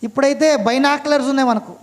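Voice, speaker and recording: A man preaching a sermon, stressing each point and asking his listeners "right?" again and again, reading scripture slowly. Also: very high voice, fairly even intonation. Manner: slow, emphatic scripture reading.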